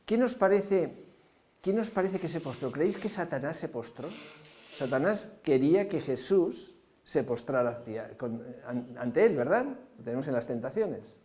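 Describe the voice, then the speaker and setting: A preacher delivers a sermon in a somewhat high but mellow, warm voice. He paints scenes vividly and keeps turning to his congregation with rhetorical questions. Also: lively intonation, a little slow, a little hiss or hum.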